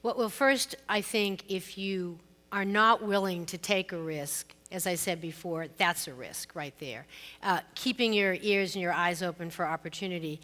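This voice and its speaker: Middle-aged Boston-accented woman panelist, bright tone, long hall reverb, frank and self-deprecating. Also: on the low side, moderate pace. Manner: candid, self-deprecating, storytelling. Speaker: panelist, law firm co-managing partner. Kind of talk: conference panel discussion. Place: conference stage.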